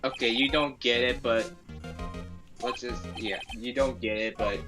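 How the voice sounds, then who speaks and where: Halting, unhurried man chatting. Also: medium pitch, fairly even intonation. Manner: hesitant, halting speech. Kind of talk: casual chat while gaming. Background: game music.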